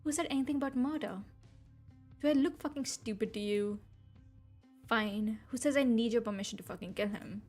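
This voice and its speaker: A woman's voice: a little high, brisk, pauses often, a little mellow, close to an everyday voice. Woman voicing a female vampire slayer, blunt, swearing, sarcastic, faint music behind. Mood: hostile.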